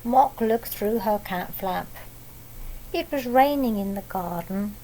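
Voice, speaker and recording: A woman reading a picture book aloud to young children, pausing to explain things simply and ask them questions. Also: mid-range voice, expressive, dark tone, slight background noise, low-quality recording. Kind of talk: read-aloud picture book storytelling with asides.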